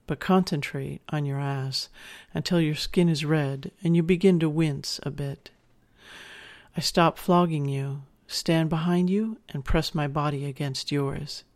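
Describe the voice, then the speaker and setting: A narrator speaking as a dominant partner, telling an erotic story to the listener in an intimate, measured way. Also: medium pitch. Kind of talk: intimate second-person erotic audio narration.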